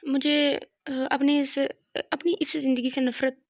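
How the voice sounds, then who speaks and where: A woman reading the lines of a heartbroken, proud young woman in an audio novel, in her own steady voice. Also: sits high, measured pace, dry recording, studio quality. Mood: pleading.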